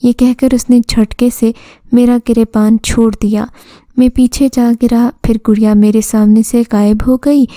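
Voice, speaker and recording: A woman narrating a first-person story in a steady, measured reading style. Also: a little high, no echo.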